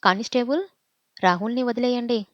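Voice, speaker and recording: A woman's voice: fairly high pitch, a little fast, fairly bright tone, no echo, natural voice. A woman voicing a firm middle-aged police inspector asking questions, in a dull, dry recording.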